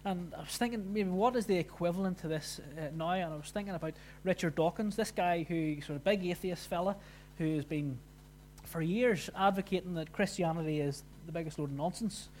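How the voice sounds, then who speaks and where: A man preaching a sermon, explaining scripture in an informal, conversational way with pauses. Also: high voice, darkish tone, a little hiss or hum.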